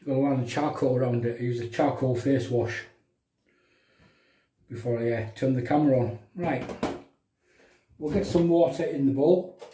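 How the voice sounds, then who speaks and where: Mellow County Durham man, echoey bathroom. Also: mid-range voice, moderate pace, long pauses. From County Durham, England. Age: middle-aged. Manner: matey, bantering. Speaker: livestream host of a shaving show. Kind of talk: casual live chat with viewers while demonstrating shaving. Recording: roomy bathroom echo, distant microphone.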